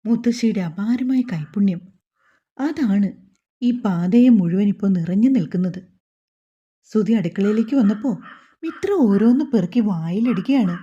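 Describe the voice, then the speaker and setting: Husky woman narrating a story. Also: mid-range voice, normal speed, pauses often, dark tone. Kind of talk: scripted narration of a short story. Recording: dull lo-fi recording.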